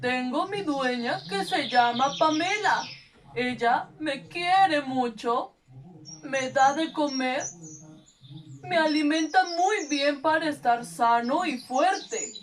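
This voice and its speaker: This woman's voice sits high and moves at a slow pace. Picked up off-mic from a distance, she uses a Peruvian Spanish accent to voice a cheerful, kindly male pet in a kids' puppet show, patiently reassuring and explaining.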